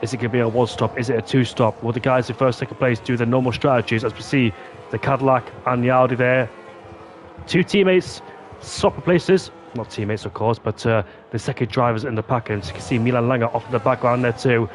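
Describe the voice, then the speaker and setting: A man commentates a simulated racing league event in a fast, excitable style, his voice climbing during wheel-to-wheel moments. Between bursts he slips into quieter, apologetic asides. Faint engine and outdoor noise sits under the voice. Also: medium pitch. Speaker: race commentator. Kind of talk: live sim racing commentary.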